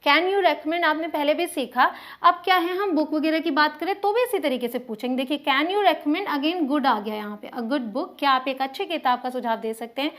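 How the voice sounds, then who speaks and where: High-voiced woman teaching English phrases. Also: a bit bright. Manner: reads example sentences slowly and deliberately; mixes English phrases into explanations. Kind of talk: spoken English lesson.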